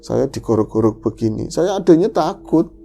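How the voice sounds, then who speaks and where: A man's voice: lively intonation, normal speed, gravelly, warm tone, faint music behind. A man, dramatically telling a first-person horror story as podcast host, acting out the quotes. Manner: dramatic, swings pitch and acts out quotes.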